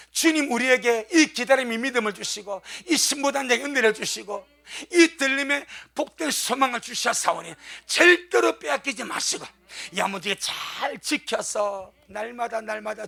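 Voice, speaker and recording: A middle-aged man preaches with a bright, gravelly voice set unusually high. He tells homely stories and swells into blessings with strong emphasis. The delivery stays warmly folksy between the peaks. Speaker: pastor. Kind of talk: sermon.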